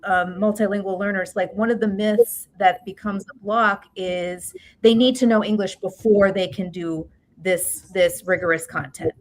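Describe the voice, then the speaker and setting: A woman with a New York accent, a guest expert in an interview, talking in halting starts and restarts with frequent tag questions. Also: medium pitch, steady tone. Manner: halting, many fillers and restarts, "right?" tags. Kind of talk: interview conversation.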